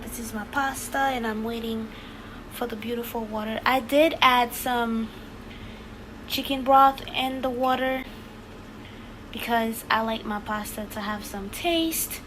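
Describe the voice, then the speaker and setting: A home cooking vlogger from Haiti or a Haitian family chats casually and unscripted with her viewers while cooking in her kitchen. Her voice is fairly high, a bit bright, steady in tone and a little slow. The home recording is clearly noisy.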